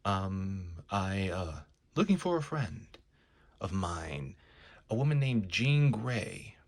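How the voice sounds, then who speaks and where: A man voicing a furry beast superhero, a brainy gentleman who talks in wry, hesitant, self-mocking asides. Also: deep voice, very animated, slow pace, vocal fry, pitched below the performer's own voice, heavily acted. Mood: uneasy.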